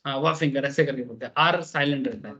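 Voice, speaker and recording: A man's voice: medium pitch, quick pace, pushed and bright, highs cut off. A man teaching a business law class, telling stories and asking the students questions. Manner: chatty storytelling, asks the class questions, mixes English terms.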